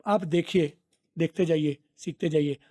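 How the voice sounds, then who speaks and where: A middle-aged man from Pakistan teaching spoken English, repeating phrases slowly to drill pronunciation. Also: a little high, fairly even intonation, dark tone, breathy edge.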